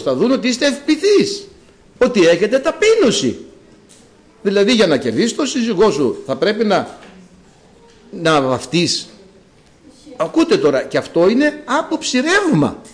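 Male preacher, fairly high and very lively voice, emphatic sermon delivery. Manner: emphatic, swings between loud exclamations and quiet asides; reads scripture slowly and solemnly.

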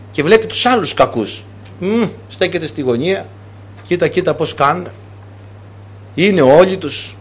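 A man preaching to his congregation in an emphatic sermon style. He stresses his points by repeating key phrases. His voice sits high for a man. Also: husky, highs cut off.

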